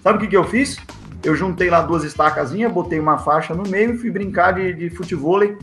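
A man's voice: high voice, brisk. A man with a Brazilian Portuguese accent, a football assistant coach telling stories in a casual interview and acting out the dialogue in them. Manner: lively, acts out the dialogue in his stories. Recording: echoey room with faint music.

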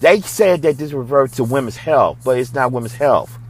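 A man's voice: medium pitch, normal speed, husky. A man from the United States hosting a religious commentary show, speaking in an impassioned, preachy way that repeats phrases for emphasis.

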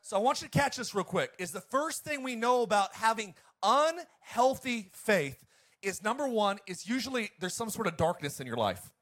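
A pastor preaches emphatically to his congregation at a moderate pace, his high voice making big pitch swings. In a preacherly way he alternates between loud and quiet.

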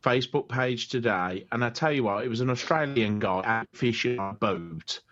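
A man's voice: mid-range voice, moderate pace, a bit bright, dull audio, soft background music. A man with a British accent co-hosting a casual chat in an agreeable, emphatic way. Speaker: podcast co-host.

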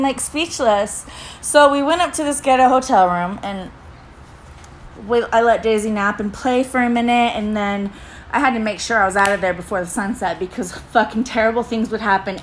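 A young adult woman from Utah telling a story in casual chat, animated and swearing freely. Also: on the high side, normal speed, a little hiss or hum, poor audio.

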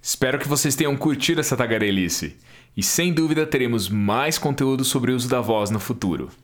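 A man's voice: mid-range voice, fairly quick. A man hosting a podcast, delivering an upbeat announcer-style sign-off. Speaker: podcast host. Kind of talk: podcast outro. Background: electronic music.

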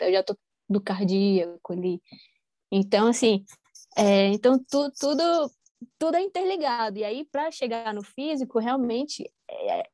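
A woman's voice: mid-range voice, dark tone, dry recording. A woman, talking casually as a musician guest, rambling with many fillers and restarts. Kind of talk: casual conversation.

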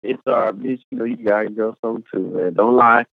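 A man co-hosting a podcast in laid-back, slangy banter, heard over a choppy, robotic-sounding remote connection with a low sample rate. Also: steady tone, brisk, dry recording. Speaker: podcast co-host. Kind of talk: casual banter. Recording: tinny low-bandwidth internet call.

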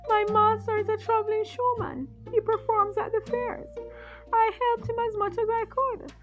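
A small orphan girl in a storybook, meek and close to tears. Her voice sits very high and thin, pleading softly, with soft music behind. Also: level tone, normal speed, highs cut off. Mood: tearful.

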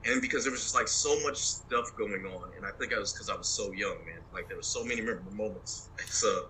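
A man in his forties with a very bright, sharp voice tells his war stories in a loose, profane, animated way and laughs often. He talks over a phone line. A faint hiss sits behind him. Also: on the low side, quick pace. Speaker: military veteran guest. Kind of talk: casual storytelling interview.

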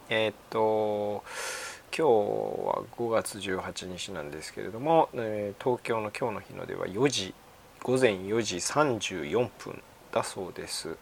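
Halting older man with creaky low voice. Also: a little hiss or hum. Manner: halting, thinking aloud. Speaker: radio segment host. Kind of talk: unscripted radio monologue.

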